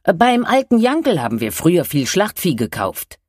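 A woman's voice: on the low side, very animated, moderate pace, a little mellow, no room sound, clean studio sound, voice pushed up. A woman reading a story aloud, voicing a blunt, unsentimental woman who speaks curtly and matter-of-factly. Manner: matter-of-fact, curt.

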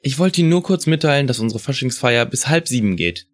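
A man putting on a cheerful, brisk kindergarten director, a grown woman with a bright, raised, quick voice. She sounds chipper and businesslike in a spoken storybook. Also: medium pitch, animated, voice pushed up, natural voice.

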